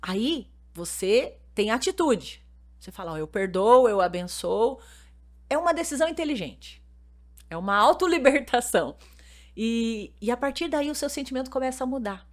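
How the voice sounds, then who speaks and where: A woman pastor speaks with a Brazilian Portuguese accent in a relaxed podcast chat. Her voice sits a little high, and she explains her points earnestly through anecdotes she retells. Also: normal speed. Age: adult mother. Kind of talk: casual podcast conversation with storytelling.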